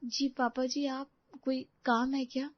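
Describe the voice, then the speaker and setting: A woman plays a put-upon young daughter-in-law in a storybook tale, grumbling and exasperated in a fairly high voice. The recording is close, dry and a little dull. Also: flat delivery, a little slow, no room sound.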